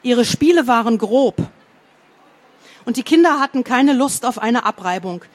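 Brief: woman narrator, steady storybook reading, even tone, a bit high-pitched. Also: a little slow. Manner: calm, steady narration with small slips.

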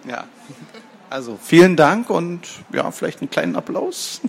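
A man's voice: fairly high pitch, lively intonation, normal speed, gravelly, husky. Man announcing at a fair stand. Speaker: publisher representative. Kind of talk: casual announcement to an audience. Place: book fair stand, indoors.

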